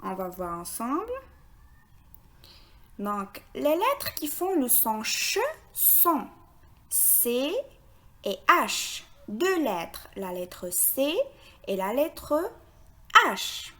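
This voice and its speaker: Woman teacher, phonics lesson for young kids; very slow and deliberate, sing-song lift, encouraging. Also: fairly high pitch, sing-song, fairly bright tone. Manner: encouraging, praises answers.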